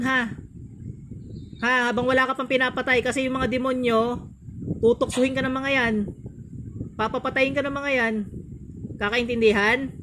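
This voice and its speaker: A man working as a faith healer, who chants ritual prayers slowly and scolds in a stern, commanding way. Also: very high voice, background noise. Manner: chanting in slow, drawn-out formulas. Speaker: faith healer performing an exorcism.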